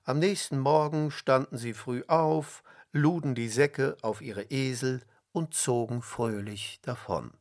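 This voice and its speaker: A man reading a storybook aloud with slow, expressive narration and dramatic pauses. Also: mid-range voice. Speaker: reader.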